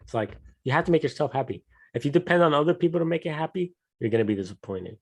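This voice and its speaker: A man's voice: a little high, lively intonation, fast, creaky, breathy edge. A young man co-hosting a casual podcast chat, easygoing and wry. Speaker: podcast co-host.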